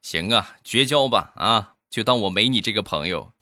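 A man telling a comic joke monologue in a lively way, with drawn-out particles on his punchlines. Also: on the low side. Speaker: comic storyteller.

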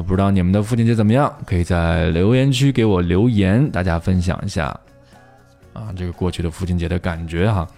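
A man's voice: low voice, vocal fry, a little mellow. A man teaching English in a casual online lesson, chatty and self-correcting with many fillers.

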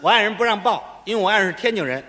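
Man, crosstalk comedian, very high bright voice, long hall reverb. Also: animated. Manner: boastful, playfully evasive, quick retorts.

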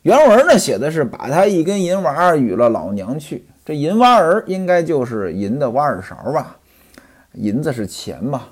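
A man's voice: a little high, sing-song, normal speed, slightly rough. A man telling and explaining a classic story, chatting directly to his listeners. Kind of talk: storytelling commentary on a classic novel.

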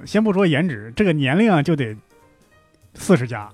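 A man co-hosting a podcast, telling stories in a quick, animated way. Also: fairly high pitch, no echo, soft background music. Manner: lively, fast, animated storyteller. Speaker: podcast co-host. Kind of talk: casual podcast chat.

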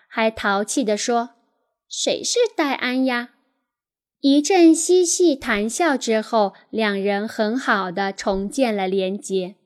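A woman reading a parenting book aloud as an audiobook, in a calm, measured way. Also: fairly high pitch.

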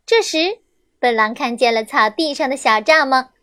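A young woman reading a children's story aloud, gentle and expressive, on a close mic. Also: sits high, moderate pace, dry recording.

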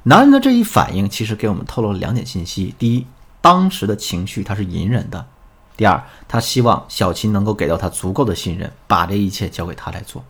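A man's voice: fairly low pitch, big pitch swings, fairly quick, fairly bright tone, husky. A middle-aged man hosting a relationship advice talk, explaining in an instructive storytelling way.

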